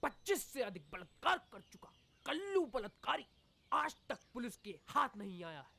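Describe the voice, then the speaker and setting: An actress reading the news as a TV anchor, in a formal announcing manner. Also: female voice, fairly high pitch, sing-song, moderate pace, vocal fry, sharp tone, breathy edge, exaggerated voice. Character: brisk woman TV news anchor. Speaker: news reader.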